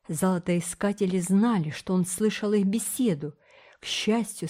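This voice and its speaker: A woman reading a children's adventure book aloud as a narrator, steady and expressive. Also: mid-range voice. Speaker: audiobook narrator.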